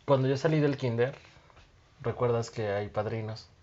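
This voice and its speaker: A man's voice: medium pitch, moderate pace, lo-fi sound, a little hiss or hum. A man, co-hosting a casual podcast, telling stories with lots of laughter and acted-out quotes. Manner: animated storyteller, laughs often, acts out quotes. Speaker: podcast co-host. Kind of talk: casual chat.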